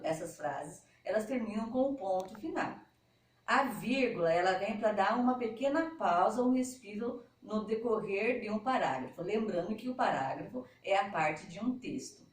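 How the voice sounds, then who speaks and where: Woman teacher explaining things slowly to kids, roomy echo, bit far from the mic. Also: medium pitch. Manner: patient, explains step by step. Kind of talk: remote lesson for schoolchildren. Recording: echoey room, mic at a distance.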